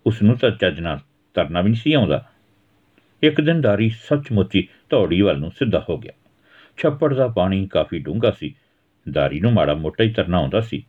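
A man reading a village story aloud, narrating and acting out the quarrels between the characters. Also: low voice. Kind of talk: storytelling narration with acted dialogue. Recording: tinny phone-like audio.

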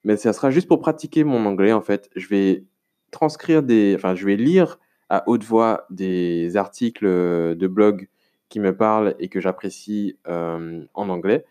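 A man's voice: fairly low pitch, a little slow, mellow, clear, resonant tone. A man from France talking alone on his podcast, rambling casually with many fillers and restarts and speaking to the listener informally. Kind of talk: casual solo podcast monologue.

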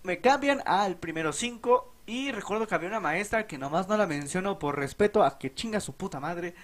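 A young man with a Mexican Spanish accent telling a casual, profanity-laced story about his school days for a podcast, animated and laughing. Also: high-pitched, fairly quick.

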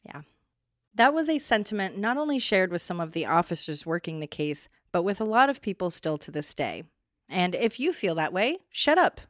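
Low-voiced woman narrating true crime. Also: big pitch swings, fairly quick, no echo, clean studio sound. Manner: blunt, opinionated asides. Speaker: true crime podcast host. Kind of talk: scripted true crime narration with personal asides.

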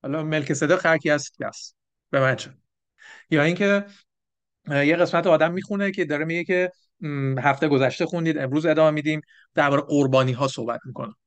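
A man's voice: on the high side, smooth. A man leading a church Bible lesson, explaining step by step and often checking with the group. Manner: explanatory, asks the group questions. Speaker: Bible teacher. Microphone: microphone for an online stream.

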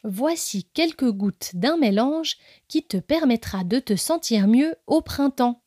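Kindly storybook papa squirrel, gentle and reassuring, dry close voice, a woman doing it. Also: on the high side, animated, slow, no echo.

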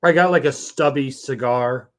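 A man's voice: mid-range voice, moderate pace. A man co-hosting a podcast, trading crude jokes in casual comedic banter. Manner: crude, playful, laughs easily. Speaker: podcast co-host.

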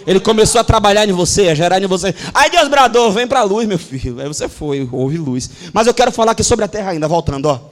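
A Brazilian pastor with a notably high voice preaches at a church service. He hammers his points through repetition and swings between hushed asides and shouted declarations. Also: expressive, fast, few pauses. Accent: Brazilian Portuguese. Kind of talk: sermon.

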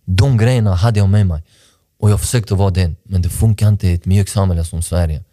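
Here a sports director, a non-native Swedish speaker, recalls his past during a podcast interview, earnest and reflective and prone to restarting sentences. His voice is low-pitched and dark with a steady tone. The studio recording is clean and echo-free.

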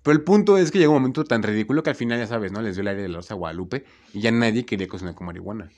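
His pitch is fairly low and his delivery rapid-fire. The young man, who has a Mexican Spanish accent, tells funny stories in a casual chat, animated and laughing, voicing the people in his tales.

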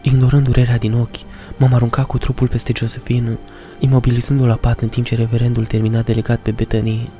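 A man reads a first-person horror story in a dark, mellow voice, keeping his pitch low and even. His delivery is measured and somber, with soft music behind him. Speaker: narrator.

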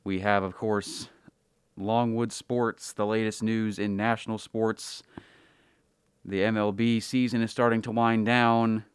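Smooth, low-voiced man hosting sports radio. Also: little pitch movement, a little slow, no room sound, clean studio sound. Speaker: college radio sports show host. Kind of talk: radio sports show announcing.

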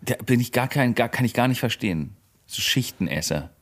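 A man's voice: medium pitch, animated, a little fast. A man in casual chat, asking questions and teasing. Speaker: podcast co-host.

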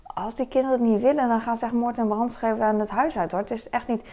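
A woman's voice: on the high side, steady tone, fast talker, mellow. A young adult woman vlogging in casual chat, rambling with lots of fillers and asides. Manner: rambling, frequent fillers and "weet je wel".

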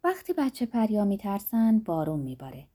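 A woman narrating a fairy tale in a soft, dreamy way, her sentences trailing off quietly. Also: medium pitch, sing-song, husky. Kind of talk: storytelling narration.

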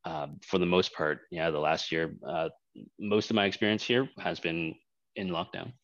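A Hong Kong-born startup co-founder in his thirties, raised in Canada, chats casually in an interview full of fillers and restarts. His low voice is steady, a bit bright and moderately paced, captured with no echo in a dull, dry lo-fi recording.

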